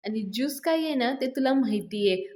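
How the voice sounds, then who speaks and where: A woman's voice: a little high, animated, a little fast, a little mellow, lightly acted. Woman retelling as a melodramatic old drinker. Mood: coaxing. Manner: melodramatic, coaxing. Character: old ailing man who begs for liquor.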